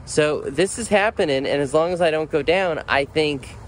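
A man's voice: fairly high pitch, moderate pace. A man in his forties vlogging outdoors beside his motorcycle, telling the day's story in a wry, matter-of-fact way to a camera held at arm's length. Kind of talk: casual travel vlog. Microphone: phone or action camera at arm's length.

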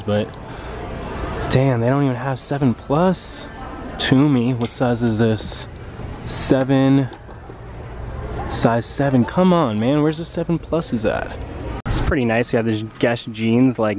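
Hyped young man vlogging through mall stores. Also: mid-range voice. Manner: excited, hyped sneakerhead talk. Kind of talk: casual shopping vlog. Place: large indoor retail stores at a mall. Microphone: handheld camera.

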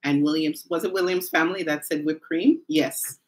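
A woman's voice: sits low, steady tone, normal speed, poor audio. Chatty woman hosting a live stream. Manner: chatty, addresses viewers directly, laughs often. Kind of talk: casual live-stream chat. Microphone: phone or camera mic on a live stream.

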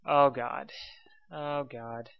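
A man's voice: medium pitch, steady tone, drawn-out words, gravelly, phone-quality sound, slight background noise. A man giving casual gameplay commentary, exasperated, muttering to himself and sighing often. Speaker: let's play commentator.

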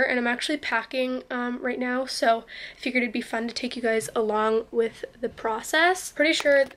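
A woman's voice: on the high side, a bit bright. A woman in her twenties chatting casually to her camera at arm's length in her bedroom, with lots of ums and likes. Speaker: vlogger. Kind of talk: casual vlog chat. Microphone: handheld camera at arm's length.

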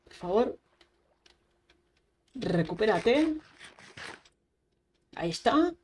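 A woman's voice: on the high side, very animated, extremely slow, a little hiss or hum. A young woman giving chatty Minecraft gameplay commentary, talking to herself as she plays. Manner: chatty, talks to herself while playing, frequent exclamations. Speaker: gaming YouTuber. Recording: faint keyboard typing and clicks behind.

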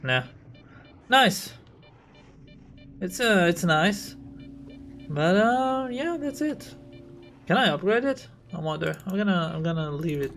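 A man's voice: high voice, animated, slow pace, gravelly, pauses often, a bit bright, soft background music. A man from Israel, rambling through casual gameplay commentary as a streamer and thinking aloud.

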